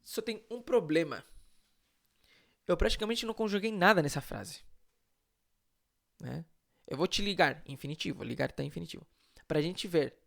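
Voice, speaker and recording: A man's voice: a little high, creaky. A man from Chile with a Chilean Spanish accent, a Spanish teacher giving a live online lesson in a conversational way, often adding tag questions and answering his own rhetorical questions.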